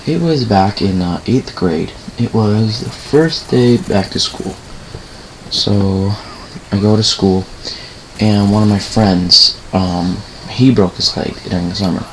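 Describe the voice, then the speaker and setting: A man's voice: fairly low pitch, slow pace, a little hiss or hum, rough recording. A young man casually telling a rambling personal story over gameplay, often correcting himself and swearing now and then. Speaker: gaming channel host.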